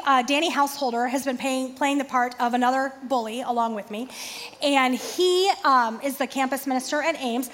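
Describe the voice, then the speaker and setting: High-voiced woman pastor preaching with humor. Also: long reverb tail. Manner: animated, self-deprecating humor. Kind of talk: sermon.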